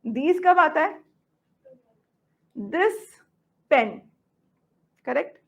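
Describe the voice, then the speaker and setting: High-voiced Indian English teacher, slow. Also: female voice, big pitch swings, gravelly, dull audio. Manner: switches between Hindi and English, checks understanding often. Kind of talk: classroom grammar lesson.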